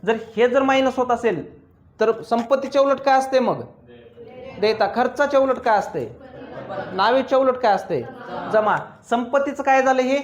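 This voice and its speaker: High-voiced teacher drilling a class. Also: male voice, moderate pace, muffled recording. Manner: asks the class constant questions, teasing and drilling. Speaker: accounts teacher. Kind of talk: classroom lecture.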